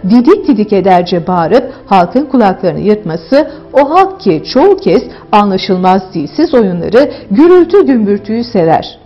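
Brief: woman, diction reading drill, husky voice, lively intonation, dull lo-fi sound with faint music. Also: fairly high pitch.

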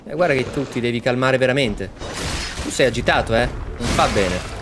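A man hosting a let's-play, excitedly commenting on his game and chatting to viewers. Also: medium pitch, moderate pace, over music. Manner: excitable, exclaims often, talks to viewers. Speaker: gaming channel host.

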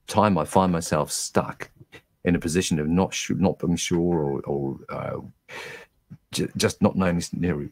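A man, a guest on a video call, telling a reflective story in a measured way with frequent restarts. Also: low voice, darkish tone, husky. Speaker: guest, virtual MC.

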